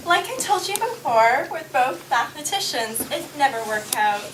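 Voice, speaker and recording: A woman playing a logical mathematician with a wry, gently teasing manner in scripted film dialogue. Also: high-pitched, sing-song, normal speed. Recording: echoey room, distant mic, noisy clicks.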